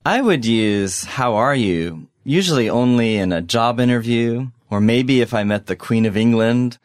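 A man hosting a language lesson, explaining phrases in a clear, measured way. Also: mid-range voice, darkish tone, no echo, clean studio sound.

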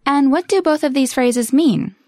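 A woman's voice: high voice, normal speed, warm tone, no room sound. Brief: female lesson co-host, easy conversational tone, dry close recording. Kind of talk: scripted lesson chat.

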